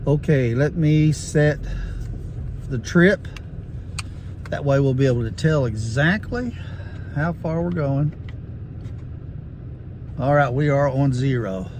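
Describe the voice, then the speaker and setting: A man hosts a gear review video, chatting casually and folksily to camera while field testing walkie-talkies outdoors and inside a truck. His medium-pitched voice is a little mellow and slow, with long pauses. The noisy recording picks up vehicle and outdoor sounds.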